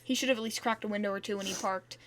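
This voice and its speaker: A woman's voice: mid-range voice, steady tone, racing, fairly bright tone. Casual woman reading a story aloud. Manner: casual, reads with asides. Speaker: podcast co-host reading fan fiction aloud. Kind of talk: casual read-aloud narration.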